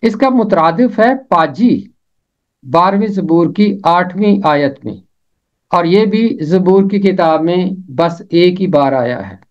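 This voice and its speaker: A man teaches the pronunciation of words. He speaks slowly and deliberately, repeating each term with care. The recording sounds a little dull and lo-fi. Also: high voice, expressive. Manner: slow, deliberate, repeats each word carefully. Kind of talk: scripted lesson on word pronunciation and meaning.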